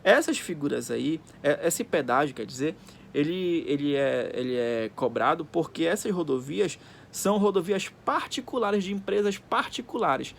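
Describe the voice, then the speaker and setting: Guy teaching class, kinda high and gravelly, faint hiss behind. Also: expressive, normal speed. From Pará, Brazil. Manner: explains simply, often checks in with "tá?". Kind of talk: recorded classroom lesson.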